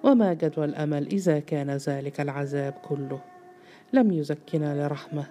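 A woman's voice: low-pitched, a little fast, dark tone, a little hiss or hum, natural voice. A woman voicing a weary, grieving older father who sighs and pleads. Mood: despairing. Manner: sighing, pleading.

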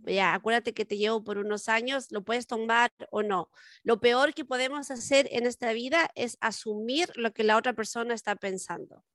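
Calm advice-giving woman, dry sound. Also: fairly high pitch, moderate pace, dry recording. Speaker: podcast co-host. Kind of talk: casual chat.

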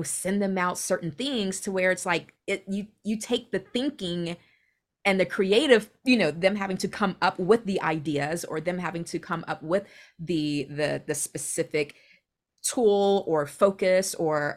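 A woman's voice: on the low side, a little slow. A woman hosting a casual podcast conversation, supportive and thinking aloud with many restarts. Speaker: podcast host.

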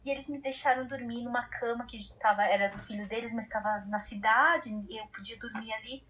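A woman, a cycle traveler telling a story as an interview guest, animated and often restarting her sentences. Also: fairly high pitch, brisk, muffled recording, a little hiss or hum. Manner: animated, many restarts, acts out her own past words.

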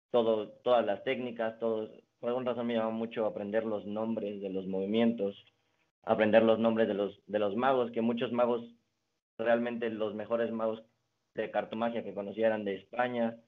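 A young man from Mexico, a guest in a casual interview, telling his story in a relaxed way with many restarts. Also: lowish voice, normal speed. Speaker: guest, card designer and magician. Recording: phone-like narrow band.

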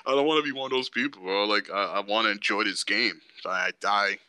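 A laid-back man co-hosting a sports podcast in casual chat. His voice is smooth and very bright, a little low, and recorded dry and close. He talks loosely, leaning on "dude" and "bro.". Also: brisk, no echo. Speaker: podcast co-host.

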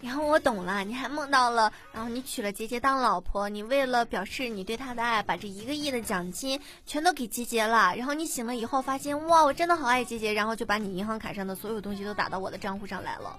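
A woman co-hosting a comedic chat show, bantering playfully with quick comebacks. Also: a little high, a bit bright. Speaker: podcast co-host.

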